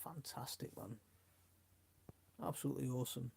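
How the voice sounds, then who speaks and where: Creaky, husky and a little mellow, his mid-range voice runs at normal speed. This middle-aged host from South Yorkshire, Yorkshire accent and all, rambles casually through his live stream and reads comments aloud in a chummy fashion.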